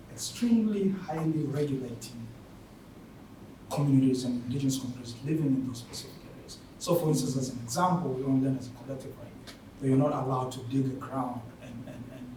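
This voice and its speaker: A man speaking from the audience at a panel, halting and searching for words with many fillers. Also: mid-range voice, mellow. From Tanzania. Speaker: audience member. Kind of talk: spoken remarks at a panel discussion. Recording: very echoey hall from far off, noisy.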